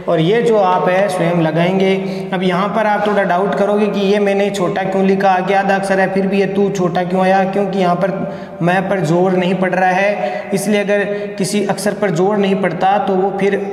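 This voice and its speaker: High-voiced male lecturer in an echoey room. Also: flat delivery, darkish tone. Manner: explains step by step, counting syllables aloud, chants verses slowly. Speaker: college lecturer. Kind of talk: recorded Hindi poetry lesson. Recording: echoey room with long reverb.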